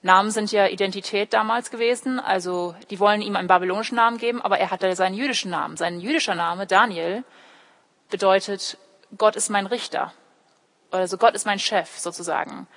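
In a reverberant, echoey hall, a young woman with a medium-pitched, fairly bright voice preaches fairly quickly, addressing listeners directly and slipping into short quotes and personal illustrations. She's a theology student and native English speaker from Germany, born in California and brought up in Heidelberg.

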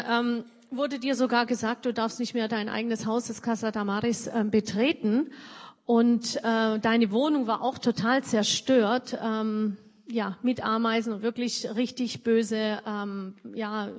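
A woman interviewer asking gentle questions with frequent hesitations. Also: on the high side, long reverb tail. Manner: hesitant, many fillers. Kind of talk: interview questions and book reading.

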